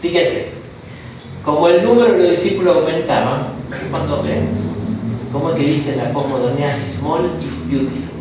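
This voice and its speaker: Here an Argentine Spanish-speaking man, a bishop running a Bible course, talks in a slightly high voice at normal speed. His style is an easygoing lecture peppered with "¿no?", "¿tá?" and quick asides. The background is noisy, the room echoes, and the microphone sits far away.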